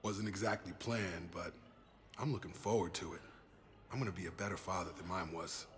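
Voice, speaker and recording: A man acting as a loyal former soldier in a video game, with a low voice. He talks informally and sincerely, upbeat and at ease with a friend. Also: steady tone, a little fast, natural voice.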